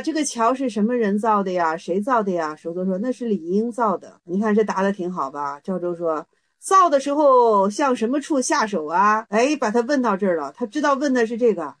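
A woman teaching Zen koans in a lively, story-telling dharma talk, acting out the dialogue between the monks. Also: a little high.

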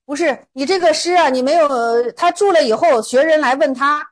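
A woman's voice: high voice, brisk. A woman teaching Zen koans in a casual, colloquial storytelling way, briefly acting out the people in each story. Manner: colloquial, acts out dialogue in stories.

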